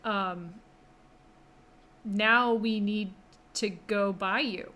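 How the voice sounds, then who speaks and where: A woman's voice: mid-range voice, fairly even intonation, extremely slow, bright, forceful tone. A woman trading dry, offhand improvised banter as a player in a tabletop game.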